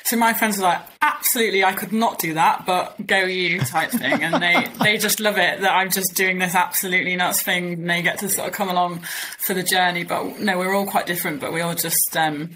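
A woman's voice: lowish voice, brisk, pushed and bright, a little hiss or hum, rough recording. A young woman, an athlete chatting modestly and laughing easily as an interview guest. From East Yorkshire, England. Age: 20s. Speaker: ocean rowing athlete, guest. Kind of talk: casual interview chat.

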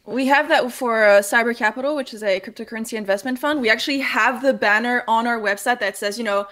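Fairly high-voiced woman guest, halting and loose in her phrasing. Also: a bit bright. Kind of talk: casual panel chat.

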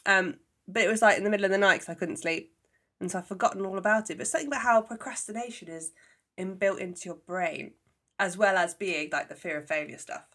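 A woman's voice: mid-range voice, fast, fairly bright tone. A woman co-hosting a podcast in casual chat, talking in a bubbly way while getting over a cough and a cold. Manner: chatty, bubbly, says "like" often. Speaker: podcast co-host.

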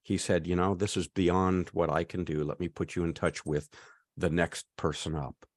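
A podcast co-host in his fifties tells a long story during casual chat, restarting many times. He speaks at a normal speed in a low-pitched voice with little pitch movement.

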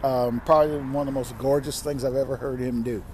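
A man's voice: mid-range voice, fairly even intonation, fairly quick, darkish tone, a little hiss or hum. A man hosting a music top ten countdown in a casual, rambling way, with frequent asides. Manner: chatty, rambling, self-interrupting asides. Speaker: music countdown show host.

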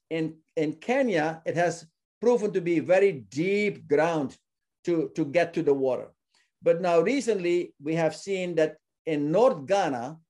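Earnest man from suriname, mellow voice. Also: fairly high pitch. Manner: earnest, often repeats words while searching for them. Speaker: ministry founder, guest. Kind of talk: casual interview talk.

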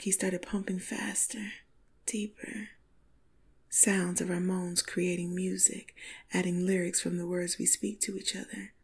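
A woman narrating an intimate first-person story in a slow, sultry, breathy half-whisper. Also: lowish voice, darkish tone. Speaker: podcast storyteller.

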